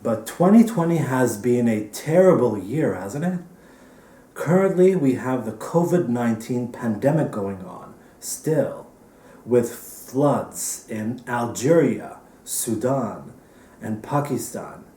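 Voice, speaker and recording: A man hosting a virtual awards ceremony from home, delivering a dry, deadpan comedic monologue. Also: mid-range voice, slow, roomy sound, recorded from a distance. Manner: dry, deadpan topical jokes. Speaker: festival director hosting an awards show.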